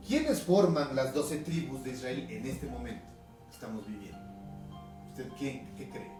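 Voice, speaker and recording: A male pastor from Ecuador with a highland Ecuadorian accent, preaching a conversational sermon, reading scripture aloud and often asking his listeners questions. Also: animated, a little slow. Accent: Ecuadorian highland Spanish. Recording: echoey room from a distance, music behind.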